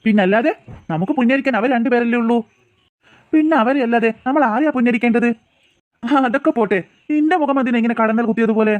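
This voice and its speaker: A man's voice: extremely high pitch, dry recording. A man voicing an easygoing cartoon father who coaxes and teases his two daughters and his wife. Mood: teasing. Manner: jokey, coaxing, quick talk.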